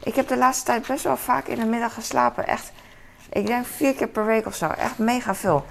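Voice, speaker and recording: A woman's voice: on the high side, normal speed, creaky, a little hiss or hum. A woman chatting casually to camera at home in her kitchen, rambling with many fillers and asides to herself. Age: adult with a son. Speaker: vlogger. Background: dishes and cutlery clatter.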